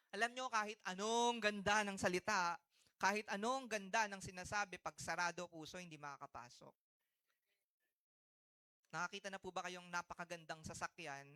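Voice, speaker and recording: Bright-voiced Filipino pastor preaching. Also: male voice, sits high, smooth. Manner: preaches in Tagalog mixed with English, with call-and-response to the congregation. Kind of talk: sermon. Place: church sanctuary.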